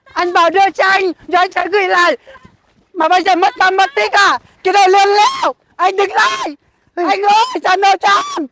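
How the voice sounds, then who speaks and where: A woman playing a young woman who loudly chases and scolds a man over an unpaid debt in a comedy skit. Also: very high voice, fairly even intonation, a little fast, slight background noise, heavily acted, low-quality recording. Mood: furious. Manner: screaming, scolding, relentless. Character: shrill young woman hounding a debtor.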